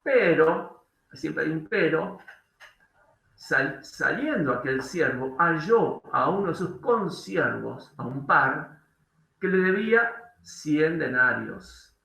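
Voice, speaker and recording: Argentine preacher with a gravelly, bright voice. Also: male voice, on the high side, sing-song, slow. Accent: Argentine Spanish. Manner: reads scripture aloud and explains it, asks the congregation questions. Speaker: pastor. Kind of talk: sermon with scripture reading. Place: church hall. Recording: echoey church hall.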